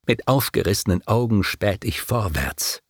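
A man narrating an epic poem in a declamatory, expressive reading. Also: fairly low pitch, normal speed, husky, dry recording, clean studio sound.

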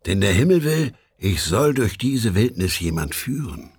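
A man voicing a wise male guide, an old poet who speaks steadily and reassuringly in a storybook reading, with a husky voice. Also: lowish voice, very animated, measured pace, darkish tone, heavily acted. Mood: reasoning.

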